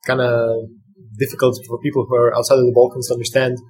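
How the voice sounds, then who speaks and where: Young adult man, Serbian accent, slightly rough husky voice, mid pitch, hesitant conversational explaining. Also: monotone, quick pace, a little mellow, faint music behind, rough recording. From Belgrade, Serbia. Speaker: podcast guest, graduate student.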